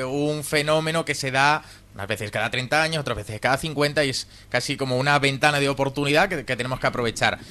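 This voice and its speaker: A man's voice: mid-range voice, bright, forceful tone. A man hosting a radio interview, asking long, winding questions. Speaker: radio host.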